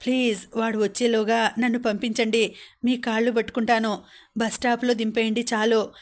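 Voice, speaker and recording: Woman narrator doing a young woman, frightened, tearful, pleading, fairly high voice, audiobook. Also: little pitch movement, normal speed, natural voice.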